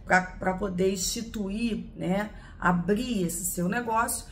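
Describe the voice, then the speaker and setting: A woman's voice: mid-range voice, slow pace, slight background noise. A woman from Brazil teaching a lesson, explaining step by step and answering her own questions. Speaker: law teacher.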